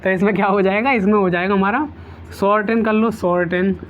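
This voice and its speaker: A man's voice: high-pitched, steady tone, a little fast, narrow, tinny audio, slight background noise. A man teaching an exam-prep vocabulary lesson, repeating each word several times and using playful memory tricks.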